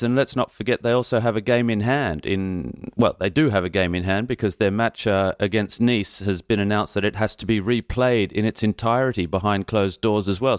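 A man's voice: on the low side, no room sound, clean studio sound. A man giving conversational football analysis as a podcast panellist.

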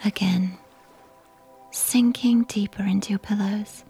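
A woman whispering a slow, soothing guided sleep meditation. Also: mid-range voice, fairly even intonation, breathy edge. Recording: soft music behind.

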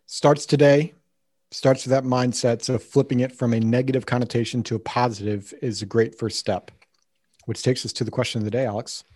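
A man's voice: medium pitch, steady tone, brisk, a little mellow, dry recording, studio quality. A man talking conversationally as a podcast host, explaining things like a coach.

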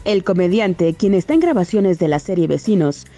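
A woman reads a scripted news report in a low, warm voice. Her pitch moves a lot as she narrates. A music bed plays softly underneath. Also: very animated, moderate pace.

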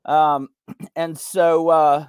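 A man's voice: on the high side, little pitch movement, extremely slow, darkish tone, clear, resonant tone, no room sound, clean studio sound. A young man being interviewed as a podcast guest, talking in an earnest, reflective way with lots of "you know.". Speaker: podcast guest, veteran and content creator. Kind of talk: candid conversational interview.

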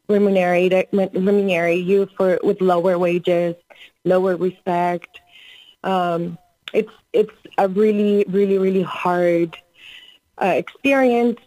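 An earnest Colombian-born woman, a labor organizer appearing as a guest, answers interview questions steadily, with some filler words. Her voice is medium-pitched, and the recording is rough but has no room sound.

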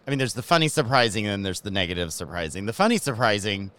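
A man's voice: on the low side, very animated, quick pace, a bit bright, clear, resonant tone. A man from Georgia with a Southern accent, a marketing executive talking casually and enthusiastically as an interview guest, with an easygoing, joking manner. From Georgia, USA. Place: large convention ballroom.

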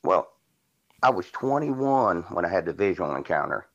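A man's voice: deep voice, big pitch swings, moderate pace, dull audio. A man in his forties from Indiana, a podcast guest telling his story casually, rambling with fillers and restarts. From Indiana, USA. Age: 40s.

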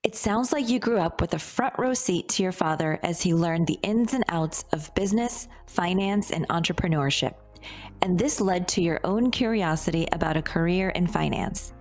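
A woman hosts the podcast with a somewhat low voice, reading scripted narration and questions in a polished way. Faint music sits under her words. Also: moderate pace, a little mellow. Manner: polished, clearly read. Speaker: host.

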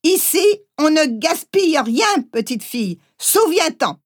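A woman voicing a stern farm wife who scolds a child in shrill tones. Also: very animated, unhurried.

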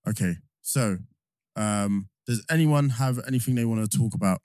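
A man's voice: fairly low pitch, moderate pace, darkish tone, no room sound, clean studio sound. A young man with a London accent, hosting a casual podcast chat in slangy, agreeable talk. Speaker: podcast host.

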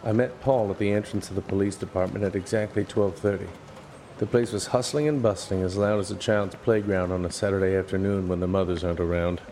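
A man narrating and voicing a private investigator in a noir audio drama, with a dry, deadpan wit. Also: sits low, fairly quick, slight background noise.

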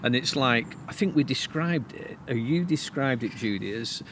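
A man's voice: medium pitch, expressive, moderate pace, noisy background. A man, a tree expert, telling stories eagerly with frequent restarts. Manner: enthusiastic, stammering restarts. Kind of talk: casual conversation.

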